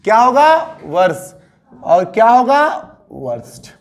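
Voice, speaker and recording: A man's voice: sits high, big pitch swings. A man with a Bihari Hindi accent teaching English grammar to a class, coaxing and repeating, drawing out the endings of words. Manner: coaxing, repetitive teaching with drawn-out word endings.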